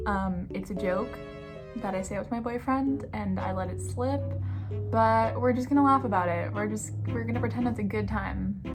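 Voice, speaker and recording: A young woman in her twenties chatting candidly and casually at home, giving frank advice and swearing freely. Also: medium pitch. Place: home room.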